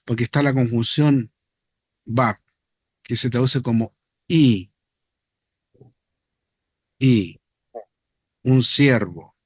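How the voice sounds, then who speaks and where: A man's voice: mid-range voice, very slow, long pauses, slightly rough, no room sound, clean studio sound. A man teaching a Hebrew class, explaining step by step and checking that students follow.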